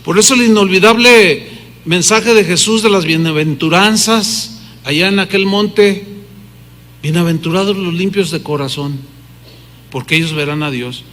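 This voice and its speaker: A man's voice: high-pitched, normal speed, a bit bright. A middle-aged man preaching a sermon emphatically, asking the congregation rhetorical questions. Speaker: pastor. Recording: hall reverb.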